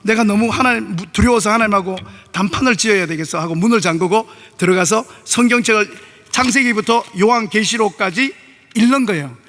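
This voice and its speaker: High-voiced pastor preaching in a reverberant church. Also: male voice, a little fast. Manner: animated, acts out dialogue in shifting voices. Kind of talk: sermon with storytelling. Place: church sanctuary. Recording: long hall reverb of a church.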